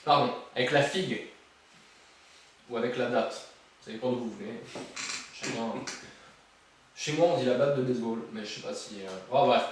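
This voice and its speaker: A man with a mid-range voice teaches a drum lesson in a room with a drum kit, counting beats aloud at normal speed and tossing in playful jokes between exercises while drums play behind him. He leaves long pauses, and there's slight background noise. The room is very echoey, and his voice sounds far from the mic.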